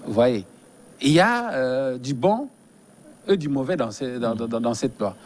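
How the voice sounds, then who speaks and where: A man's voice: medium pitch, very animated, unhurried, darkish tone. A man from DR Congo, a guest giving earnest, emphatic political commentary in a studio interview and often repeating his phrases.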